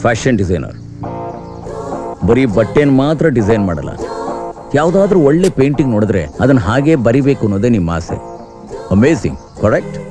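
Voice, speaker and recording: An actor playing a playful, confident psychiatrist who talks in a teasing, lively way in a film. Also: male voice, medium pitch, a little fast, long pauses, natural voice. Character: playful, confident male doctor. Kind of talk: film dialogue. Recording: film soundtrack with music.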